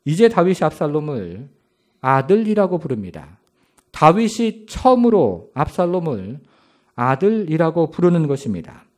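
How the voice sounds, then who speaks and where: A man preaches a sermon in a dramatic storytelling manner and puts rhetorical questions to his congregation. His voice sits fairly high. His pitch swings widely from phrase to phrase. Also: very animated, normal speed, darkish tone. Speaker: pastor.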